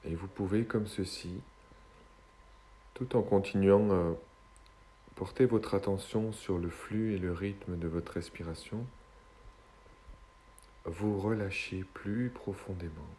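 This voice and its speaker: Man, slow hypnotist voice, very low and mellow, guided relaxation, soothing, long pauses, faint background noise. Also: fairly even intonation.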